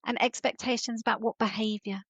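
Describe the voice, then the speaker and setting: A woman guest on a podcast who explains parenting advice calmly and fluently. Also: a little high, fairly quick, slightly rough, dry recording. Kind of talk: explanatory interview answers.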